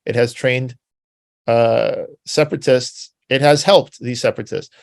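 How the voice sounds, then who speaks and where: A man's voice: medium pitch, measured pace, vocal fry, no room sound. A man giving an informal spoken history talk, rambling and conversational, full of filler words and tag questions. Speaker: presenter.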